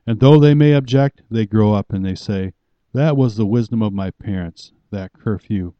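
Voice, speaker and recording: A low-voiced man preaches a sermon, issuing firm, emphatic commands in a deliberate, pastoral manner. The recording is dry, somewhat muffled, and has no echo.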